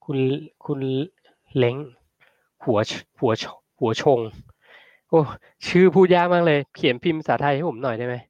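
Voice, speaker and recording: A man hosting a casual livestream, chatting and answering viewer comments in a relaxed, friendly way. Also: mid-range voice, normal speed, no echo, highs cut off. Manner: relaxed, chatty, ends phrases with polite particles. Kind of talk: casual livestream talk on health.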